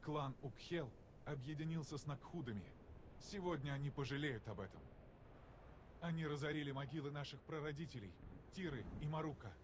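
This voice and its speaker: Guy doing solemn fantasy clan quest giver wanting revenge, slightly high voice, noisy game audio. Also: a little fast, close to an everyday voice. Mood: solemn, vengeful.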